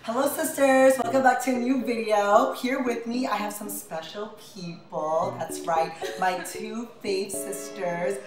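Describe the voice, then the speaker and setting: A man's voice: high-pitched, fairly even intonation, measured pace, few pauses. Casual host, young man, playful slang, roomy room sound. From Philippines. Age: young adult. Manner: playful and slangy, greets viewers as sisters. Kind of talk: casual chat. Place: small bedroom, seated on a couch. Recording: roomy room sound with loud background music.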